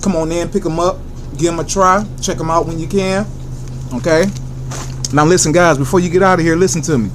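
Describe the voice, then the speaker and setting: Higher-voiced American man hosting a food review. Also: fairly even intonation, a little fast, background noise. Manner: addresses viewers directly, repeats catchphrases, asks and answers own questions. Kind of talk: casual enthusiastic food review to camera.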